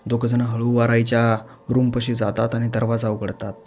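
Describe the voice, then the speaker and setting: A man's voice: medium pitch, monotone, moderate pace, a little mellow. A man narrating a horror story in a conversational way, often speaking straight to the listener. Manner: conversational, addresses the listener directly.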